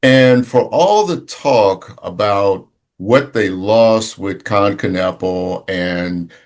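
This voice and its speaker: Lower-voiced, halting sports talk man. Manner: halting, searching for words, many restarts. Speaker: sports podcast co-host.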